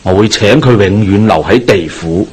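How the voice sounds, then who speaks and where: For a radio drama, a man with a Hong Kong Cantonese accent voices a Taoist exorcist master who is calm, authoritative and assured. His natural voice sits on the low side, and his speech comes across as measured, knowing and formal.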